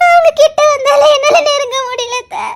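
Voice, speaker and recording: Tearful young bride, very high thin voice, sobbing, choked, audio love story. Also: female voice, moderate pace, a little mellow. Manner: sobbing, choked, laughing through tears. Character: tearful young bride-to-be, guilt-ridden and torn.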